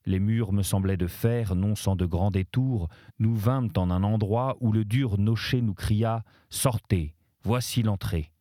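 Low-voiced man reading a classic poem. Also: steady tone, a little slow, few pauses, warm tone, no room sound, clean studio sound. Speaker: reader. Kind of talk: audiobook-style literary reading.

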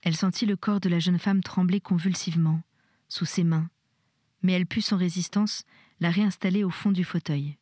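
A woman narrating a storybook with measured, expressive reading. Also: fairly low pitch, no room sound, clean studio sound. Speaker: audiobook reader.

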